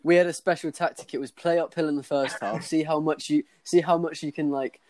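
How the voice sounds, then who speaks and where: A young man chatting casually on a podcast, recalling old rugby games in an animated, storytelling way. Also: on the high side, a little fast. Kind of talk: casual chat.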